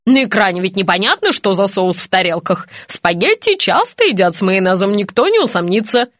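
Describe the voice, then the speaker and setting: A woman reading an audiobook, voicing a brisk, pushy female television director giving orders on set. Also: medium pitch, big pitch swings, fairly bright tone, no echo, clean studio sound. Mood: pleading. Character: fussy bossy woman TV director.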